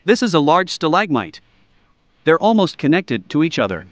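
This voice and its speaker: Lively, higher-pitched male guide. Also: moderate pace, dry recording. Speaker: cave guide. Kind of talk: casual explanatory chat while guiding.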